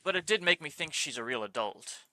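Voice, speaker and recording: A man's voice: on the high side, animated, a little fast, bright, forceful tone, dry recording, rough recording. A man reading the first-person narration of a cocky teenage boy in a visual novel, in a wry tone.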